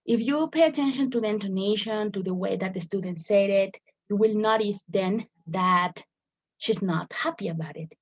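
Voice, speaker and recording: A woman's voice: medium pitch, steady tone, moderate pace. A woman teacher explaining a lesson step by step, often repeating words as she searches for the phrasing. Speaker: English teacher. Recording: dull lo-fi recording.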